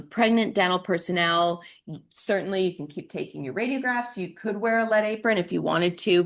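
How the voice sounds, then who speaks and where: Woman instructor, somewhat low voice, chatty lecture delivery, lots of "um" and restarts. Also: creaky, fairly bright tone. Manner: conversational, with frequent fillers and restarts. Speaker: dental hygiene instructor. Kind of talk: recorded classroom lecture.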